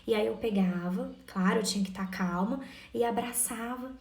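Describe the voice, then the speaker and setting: A woman's voice: on the high side, moderate pace, vocal fry, a little mellow, roomy sound. A woman, giving earnest parenting advice and speaking directly to her listeners. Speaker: parenting educator. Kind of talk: casual advice talk to parents.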